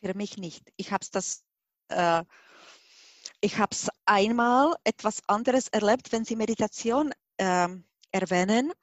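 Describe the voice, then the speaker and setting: As an interview guest, a middle-aged hypnosis and regression therapist from the Czech Republic tells a personal story in her Czech accent. She has a mid-range voice, speaks a little slowly and emphatically, and hunts for her words. The recording has no echo.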